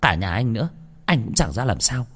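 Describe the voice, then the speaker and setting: A man voicing a scornful, sharp-tongued middle-aged aunt, speaking in a shrill, sneering, loud way. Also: very animated, a little fast, heavily acted. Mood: scornful, combative.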